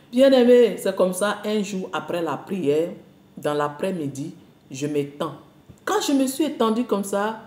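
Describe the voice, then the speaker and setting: A woman preacher giving a lively, repetitive spoken testimony to a congregation, full of exclamations. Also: medium pitch, reverberant. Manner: animated, repetitive, storytelling with exclamations.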